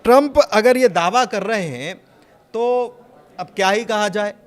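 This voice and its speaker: A man speaking as a news analyst in a studio panel discussion, animated and sarcastic, firing off rhetorical questions. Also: high-pitched, unhurried.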